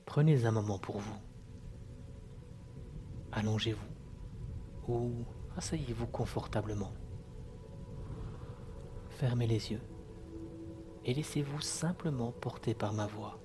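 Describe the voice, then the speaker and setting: A man guiding a hypnosis session in a soft, sultry, soothing, hushed voice with long pauses. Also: medium pitch. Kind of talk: slow guided hypnosis narration. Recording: music behind the voice. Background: clear background music.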